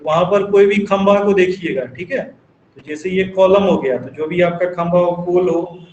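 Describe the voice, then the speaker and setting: A man with a fairly high voice teaches a classroom lecture, asking questions and answering them himself. The room is echoey, with a faint hum of ambience behind him. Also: a little mellow, muffled recording. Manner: dictates definitions slowly in English. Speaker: engineering teacher. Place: classroom with students.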